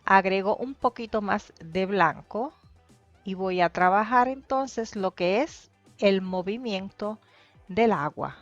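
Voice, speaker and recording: A woman narrating a painting tutorial in a calm, explanatory way, pausing often with hesitations as she describes each step. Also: mid-range voice, no room sound. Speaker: painting teacher. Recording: dry, dull lo-fi voice-over with faint music.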